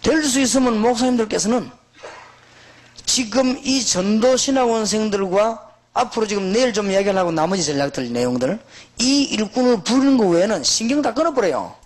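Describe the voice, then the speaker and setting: A middle-aged man, a pastor, preaching a sermon in an emphatic, exhorting manner, with animated storytelling. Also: sits high, a little fast.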